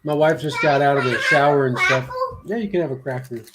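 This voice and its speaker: A man's voice: medium pitch, brisk, very noisy. A man chats casually as a guest on a friend's livestream. He keeps the mood light with teasing jokes and laughs often as he talks. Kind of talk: casual chat.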